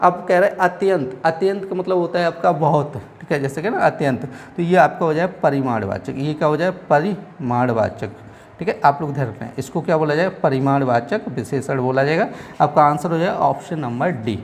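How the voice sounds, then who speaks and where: A man teaching an exam-prep class with a somewhat high voice, asking a question and answering it himself before going on. Faint noise sits behind his voice. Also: brisk, hardly any pauses. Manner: repeats questions back to students, frequent "theek hai". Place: coaching academy class.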